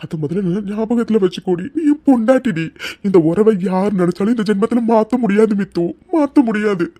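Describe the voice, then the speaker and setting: A devoted young husband in a cartoon love story, coaxing his wife one moment and breaking down the next. A performer gives him a mid-range, mellow voice. The sound is dry and close. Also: mid-range voice, a little fast, no room sound, lightly acted. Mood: crying. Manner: coaxing, then breaking into tears. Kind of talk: cartoon voice acting.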